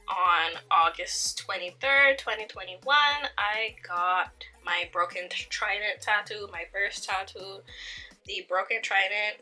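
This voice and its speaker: A woman's voice: on the low side, bright, forceful tone, rough recording. A young woman chatting casually to her viewers in a vlog, laughing often between stories. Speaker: vlogger. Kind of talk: casual chat.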